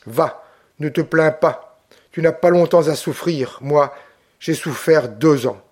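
A man's voice: a little high, measured pace, darkish tone. Male reader doing a proud young woman, ironic, composed, cold.

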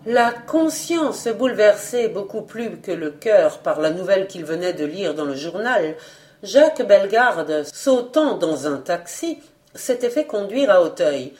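A woman reading a novel aloud as narrator, in an expressive, dramatic way. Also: on the low side, measured pace. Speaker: audiobook reader. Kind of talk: scripted narration.

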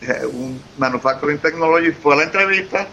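On a lo-fi recording with faint hiss, a Venezuelan man speaks a little fast in a pushed, bright voice on the high side. He's a casual interview guest with a Venezuelan Spanish accent, gushing, eager and prone to repeating himself.

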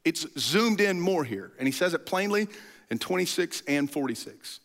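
A male pastor preaching a sermon in an animated storytelling way, often clearing his throat. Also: on the high side, moderate pace.

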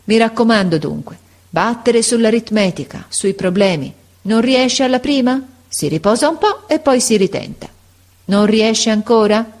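A woman's voice: fairly high pitch, lively intonation, normal speed, a little mellow, pitched above the performer's own voice. A woman voicing a sick old male schoolteacher who speaks tenderly and with sighs. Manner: tender, sighing, encouraging.

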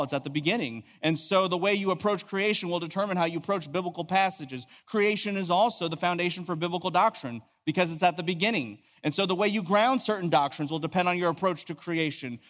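A man delivers a lecture-style sermon with rapid, animated phrasing and pointed rhetorical questions. His voice sits high for a man. The sound rings with the long reverb of a large hall. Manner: low, solemn prayer. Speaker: preacher.

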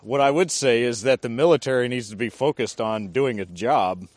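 A man's voice: mid-range voice, normal speed, no room sound. A man who served as an army drill sergeant, talking casually and hesitantly, thinking aloud as he speaks. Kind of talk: casual conversation.

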